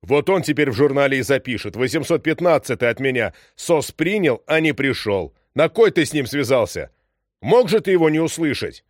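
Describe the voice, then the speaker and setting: A man voicing a harried middle-aged sea captain who is anxious and touchy and shouts defensively. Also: medium pitch, big pitch swings, normal speed, dry recording, clean studio sound, pitched above the performer's own voice. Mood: irritated.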